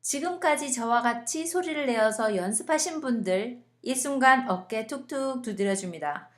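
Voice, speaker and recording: A young woman with a somewhat high voice narrates a scripted English lesson. She speaks clearly and deliberately, slowing down and drawing out example words as she coaches how each sound is made. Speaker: English teacher.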